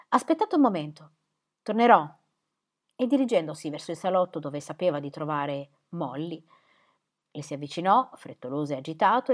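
A woman narrating an audiobook with an expressive, dramatic reading. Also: low voice. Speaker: audiobook reader. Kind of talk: scripted narration.

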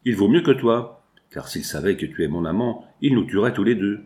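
A man's voice: lowish voice, animated, brisk, a little mellow, natural voice. A man voicing a desperate, jealous young woman who pleads with her lover in an audiobook. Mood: pleading. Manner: pleading, passionate.

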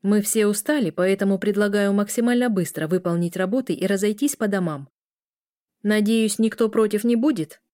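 Woman doing a grumpy tired teacher guy, rushing everyone, soft dark tone. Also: mid-range voice, no echo, studio quality, lightly acted. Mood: brisk. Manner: brisk, dismissive instructions. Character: tired, rude middle-aged male lecturer.

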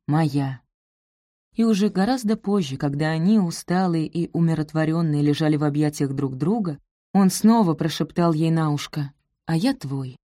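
A woman narrating a romance novel in a smooth, even reading voice. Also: sits low, fairly quick, no room sound, clean studio sound. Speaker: audiobook narrator.

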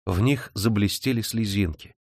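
A man narrating an audiobook, reading expressively and lifting his voice for lively dialogue. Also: normal speed, no echo, clean studio sound. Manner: animated, raises pitch for excited dialogue.

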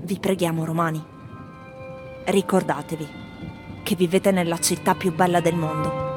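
In a lowish voice, an actress in a radio theatre piece plays foreign tourists who address blessings and curses to Rome. It's a theatrical recitation of collected testimonies, delivered over a music bed.

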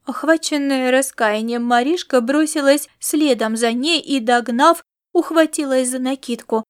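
A woman reads an audiobook aloud with measured, expressive storytelling. Her voice sits fairly high for a woman and stays steady through the narration. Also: clean tone. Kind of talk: scripted narration.

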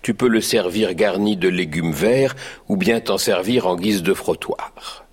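A man's voice: sits low, a little slow, husky. A man playing a mild, timid baker who tells his woeful story in tears, in a radio drama. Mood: mournful. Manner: lamenting, tearful storytelling.

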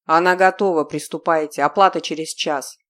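Роль: жестокий молодой мужчина, которого озвучивает женщина-чтец, холодный, властный, с издёвкой в голосе. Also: female voice, fairly low pitch, normal speed, lightly acted. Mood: curt. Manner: cold, commanding, mocking. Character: cruel, callous young man who keeps captives.

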